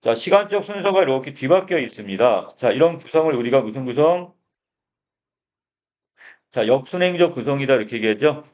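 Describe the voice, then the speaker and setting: A man's voice: mid-range voice, expressive, brisk, pauses often, a little mellow. Man lecturing with a repeated filler. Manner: starts phrases with a repeated filler, asks questions and answers them himself. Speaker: literature teacher. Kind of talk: lecture explaining a short story. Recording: dull lo-fi sound.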